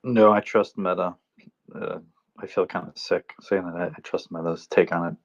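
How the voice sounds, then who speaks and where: A man bantering casually on a live audio space. His low voice comes through a dull, lo-fi connection that keeps cutting out, so the volume swings unevenly. He talks with a joking, mock-indignant tone. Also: steady tone, normal speed. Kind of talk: casual chat. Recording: dull lo-fi online call audio.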